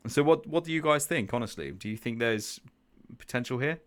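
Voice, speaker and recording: On his live trading stream, this host chats his way through chart analysis, thinking out loud, restarting, repeating words and putting questions to viewers. His medium-pitched voice is a bit bright, with lively intonation and a brisk pace.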